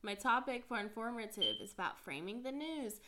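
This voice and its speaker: A woman's voice: on the high side, lively intonation, a little fast, very noisy. A woman hosting her own podcast in a bubbly, chatty way, apologetic and self-mocking, full of filler words. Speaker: podcast host. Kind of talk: casual chat.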